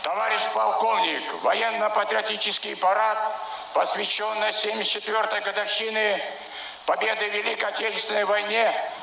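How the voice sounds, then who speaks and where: High, gravelly male parade commander. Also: flat delivery, sharp tone. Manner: drawn-out, barked military delivery. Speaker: military officer commanding the parade. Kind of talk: shouted parade commands and formal report. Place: large outdoor square at a parade. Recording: echoey outdoor square, dull, noisy.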